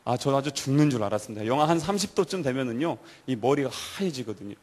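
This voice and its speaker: A pastor preaches to a church youth service, telling stories and putting direct questions to the congregation. His medium-pitched voice is expressive, fast and a little mellow.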